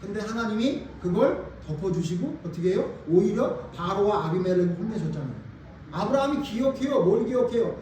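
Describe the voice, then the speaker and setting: A man preaching a sermon as pastor, telling the story with lively acted-out quotes and questions to the congregation. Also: high-pitched, brisk, a little hiss or hum. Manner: animated storytelling, acting out quoted voices. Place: church sanctuary. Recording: echoey hall, voice from far off.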